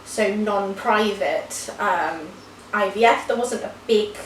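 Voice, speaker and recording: A friendly woman in her thirties from the UK, co-hosting a casual chat and explaining in careful detail. Her voice sits at a middling pitch. She is heard from a distance in a roomy space with faint hiss. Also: slow. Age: 30s. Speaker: co-host, nurse.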